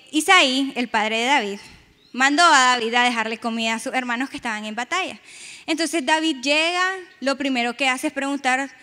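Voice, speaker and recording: A woman's voice: high-pitched, bright, forceful tone. A woman preaching a sermon, emphatic and raising her voice when she reads scripture aloud. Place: church sanctuary. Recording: long church reverb.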